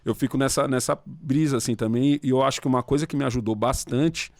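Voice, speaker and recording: A man casually telling anecdotes and using slang in a relaxed podcast conversation. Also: mid-range voice, fast talker, no echo, clean studio sound. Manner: chatty storyteller, slangy, tells anecdotes.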